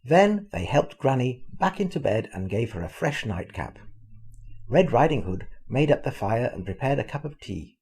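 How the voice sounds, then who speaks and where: An older man reads a fairy tale aloud to his grandchildren. His delivery is animated, and his pitch moves widely. His voice is gravelly and husky. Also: moderate pace. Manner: expressive, animated storytelling. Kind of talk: storybook reading.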